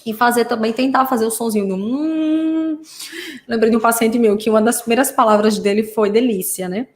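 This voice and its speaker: A woman's voice: a little high, a little fast, darkish tone. Playful Brazilian woman acting out sounds. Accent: Brazilian Portuguese. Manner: playful, acts out sound effects, frequent tag questions. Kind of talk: casual teaching talk to parents.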